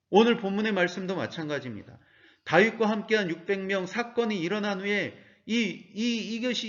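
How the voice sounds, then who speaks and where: A man's voice: sits high, highs cut off. A man preaching a sermon as pastor, earnestly asking his listeners rhetorical questions.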